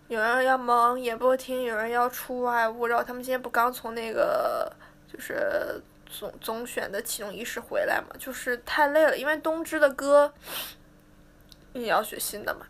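A woman's voice: a little high, fairly bright tone. A teenage girl idol chatting casually with fans on a livestream, playful and talkative. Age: teens. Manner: chatty, playful, mimics fans' teasing.

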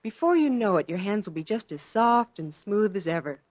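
Chatty upbeat housewife, bouncy pitch, dry old radio ad. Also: female voice, big pitch swings, normal speed, a little mellow, no room sound. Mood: cheerful. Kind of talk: 1940s radio commercial.

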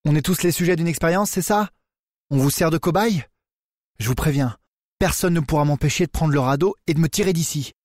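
Narrator playing a defiant young man, higher pitch, loud and quick, audiobook. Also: dry recording, clean studio sound, natural voice. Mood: angry. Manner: agitated, defiant, raised voice. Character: nervous, angry young male engineer.

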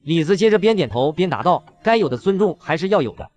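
A man narrates a short-drama recap video in a scripted storytelling voice. He talks fast, with a lively pitch that rises and falls. His voice sits slightly higher than most men's.

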